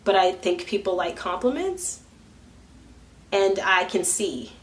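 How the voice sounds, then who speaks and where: A woman's voice: mid-range voice, sing-song, takes it slowly. A young woman talking candidly in a personal vlog, chatty and laughing often, acting out what other people say while she curls her hair. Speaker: vlogger.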